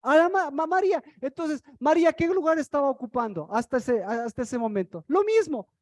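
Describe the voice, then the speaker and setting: A woman's voice: high-pitched, animated, fairly quick, no echo. A woman preaching a sermon, firing rhetorical questions at the congregation.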